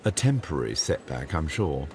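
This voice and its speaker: A man's voice: rumbling low, sing-song, moderate pace, a loud crowd. A man reading scripted television voice-over narration in a wry, playful way. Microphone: studio voice-over.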